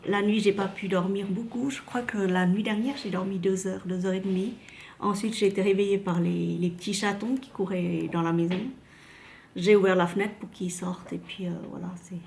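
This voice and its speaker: A woman's voice: medium pitch, darkish tone, a little hiss or hum. A woman chatting casually to camera about perfumes, talking with many fillers and restarts. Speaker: vlogger reviewing perfumes.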